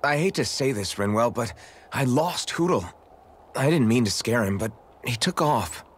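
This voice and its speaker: A man's voice: mid-range voice, animated, normal speed, slightly rough. A man voicing a kind, sincere young male swordsman in a video game.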